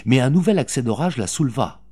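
A man reading a novel aloud as an audiobook narrator, with dramatic, expressive delivery. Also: mid-range voice, fast, breathy edge.

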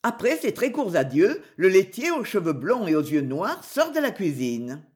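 A woman reads a classic novel aloud, her voice rising and falling a great deal. She tells the story expressively, at a medium pitch. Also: sing-song, normal speed, darkish tone. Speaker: audiobook reader. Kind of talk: scripted narration of a novel.

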